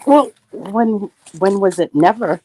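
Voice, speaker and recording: A woman's voice: mid-range voice, slow, warm tone. A woman co-hosting a casual reseller livestream chat, effusive and emotional.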